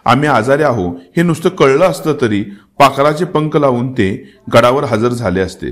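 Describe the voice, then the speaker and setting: A dying old king, weary but still commanding, speaks in an emotional, heightened voice, as a man reading a historical novel puts him on. His lines climb in pitch and swell in force. It sounds like a dramatic storybook reading. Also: lively intonation, moderate pace, lightly acted. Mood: stern. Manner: emotional, rising to pleading and commanding outbursts.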